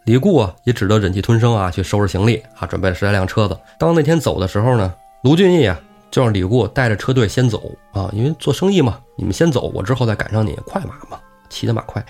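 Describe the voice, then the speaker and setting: A man co-hosting a podcast, retelling a classic novel in a lively, colloquial way. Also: lowish voice, fast, vocal fry, few pauses, soft background music. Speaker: podcast co-host.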